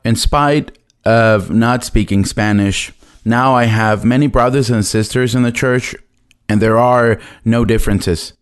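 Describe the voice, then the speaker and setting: A man interpreting a testimony live in a church hall, measured and plain, holding a handheld mic. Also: medium pitch, steady tone, smooth.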